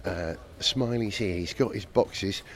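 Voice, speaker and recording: A man hosting a podcast, chatting in a lively, jokey way while walking around a large drum warehouse. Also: fairly low pitch, unhurried. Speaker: podcast host. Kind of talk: casual on-location chat.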